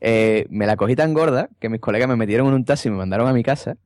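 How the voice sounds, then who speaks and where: A man's voice: medium pitch, fast talker, darkish tone, dry recording. Casting: man, podcast co-host, joking storyteller, dry close-miked sound. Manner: jokey anecdote teller. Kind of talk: casual chat.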